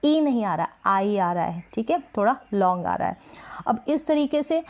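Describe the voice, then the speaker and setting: A woman teaching English spelling rules, patiently repeating example words slowly for practice. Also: medium pitch, very animated. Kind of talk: Hindi-language spelling lesson.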